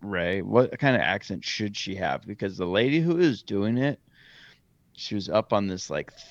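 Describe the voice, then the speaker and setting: A man with a very low, gravelly voice rambles casually through a trip story on a podcast, often stopping to correct himself. The sound is dry and a bit dull, like a lo-fi home mic. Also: expressive, moderate pace, dry recording. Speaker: podcast co-host. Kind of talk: casual chat.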